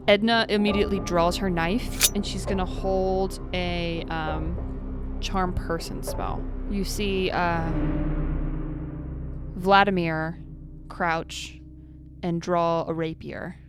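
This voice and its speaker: A woman's voice: lowish voice, steady tone, slow pace. A woman running a tabletop role-playing game, narrating the scene to her players as game master. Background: background music.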